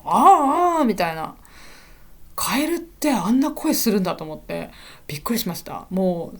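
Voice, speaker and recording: A chatty woman talking through a casual podcast lesson. Her voice swings up and down a lot as she goes. She keeps filling pauses with small affirmations and hesitation sounds. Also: mid-range voice. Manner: chatty, fills pauses with "hai" and "ano"; lively, rising and falling often. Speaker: Japanese teacher.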